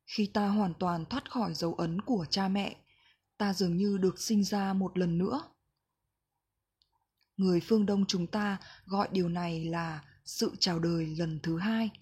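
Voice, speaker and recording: A woman reading a reflective book passage aloud in a slow, gentle, measured way. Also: on the low side, steady tone, breathy edge. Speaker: book reader.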